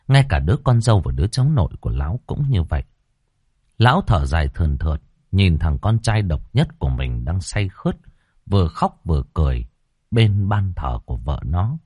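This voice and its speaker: A male storyteller narrating a horror story with expressive, dramatic pacing. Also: low voice, breathy edge, no room sound, studio quality.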